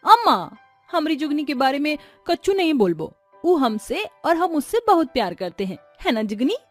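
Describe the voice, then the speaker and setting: Woman voicing a sweet high village girl. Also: sing-song, moderate pace, soft background music. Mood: affectionate. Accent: Bhojpuri-tinged rural Hindi. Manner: sweet, lilting. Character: sweet young village bride, goat lover. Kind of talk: cartoon story voice acting.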